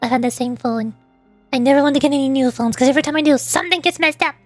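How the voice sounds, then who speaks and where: Over soft background music with no echo, a woman VTuber talks fast in a high-pitched voice during a casual livestream. Her voice is growing tired as she rambles and keeps cutting herself off.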